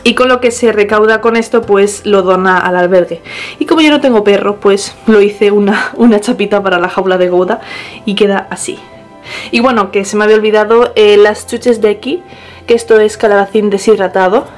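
Soft music plays behind a young woman with a medium-pitched, brisk voice. A pet vlogger, she chats through a home tour of her bedroom on a small handheld camera, frequently stopping to restart or correct herself.

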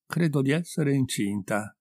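A man's voice: mid-range voice, lively intonation, a little slow, darkish tone, no echo, studio quality. A man voicing a tearful young farm girl. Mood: whimpering. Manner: whimpering, timid.

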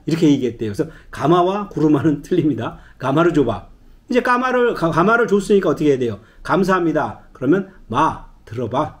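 A middle-aged man talks through a casual language lesson in a high, lively voice. He chats along with plenty of fillers and acts out bits of dialogue. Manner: chatty storytelling with many fillers, acts out dialogue. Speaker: travel guide teaching phrases.

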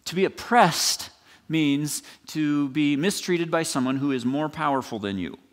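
Animated preacher in a reverberant church. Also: male voice, fairly high pitch, measured pace. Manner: animated, conversational preaching with restarts and rhetorical "right?". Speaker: pastor. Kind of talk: expository sermon.

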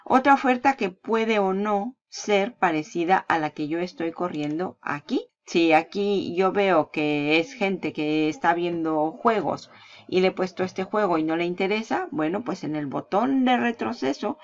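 A woman's voice: on the low side, measured pace, dull audio. A woman hosting a screen-recorded marketing tutorial, chatty and upbeat, explaining step by step. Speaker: online marketing channel host.

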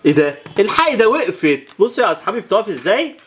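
Here the presenter's pitch is medium and her delivery sing-song and rapid-fire. The Egyptian Arabic-accented woman plays with toys alongside a child, chats to the audience, counts aloud and makes whooshing sounds.

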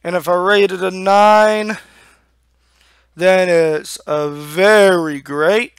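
A young man giving a casual, halting review to camera on a headset mic, talking with a lip full of dip. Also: sits high, steady tone, smooth, no room sound, studio quality. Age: young adult. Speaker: amateur product reviewer. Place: small room at home. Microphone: headset microphone.

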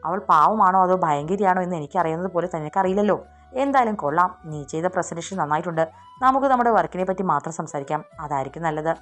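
Brief: woman voicing a possessive young boss, sly and jealous, lowish tone, soft music underneath. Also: quick pace, close to an everyday voice.

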